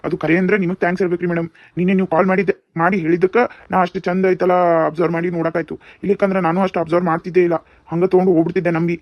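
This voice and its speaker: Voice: medium pitch, little pitch movement, racing, no echo, lightly acted. A performer voicing a polite young office worker in a cartoon, with a North Karnataka Kannada accent and a grateful manner. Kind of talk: cartoon dubbing. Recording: dull lo-fi sound.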